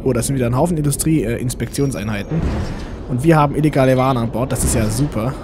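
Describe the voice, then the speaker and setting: A man's voice: mid-range voice, fast, background noise. A man giving casual game commentary, rambling to himself and to the game's characters. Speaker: let's play host. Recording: game music behind the voice.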